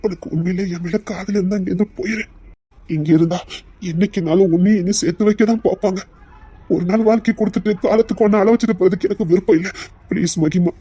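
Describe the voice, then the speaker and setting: A man playing a rough but remorseful husband who earnestly begs his wife to leave, in an audio drama. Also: sits high, warm tone, no room sound, lo-fi sound. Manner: earnest, pleading, sorrowful. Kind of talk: Tamil audio story acting.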